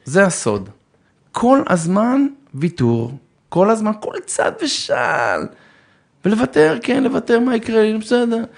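A man giving theatrical, animated advice on marriage, acting out arguments and calling listeners brother. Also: sits high, vocal fry. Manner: theatrical, acts out both sides of arguments, bursts into shouts; addresses listeners warmly as brother. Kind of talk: animated religious talk on relationships.

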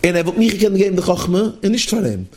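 A man giving a sermon in a lively, questioning, sing-song manner. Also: high-pitched, fairly quick. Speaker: religious teacher. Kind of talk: sermon to listeners.

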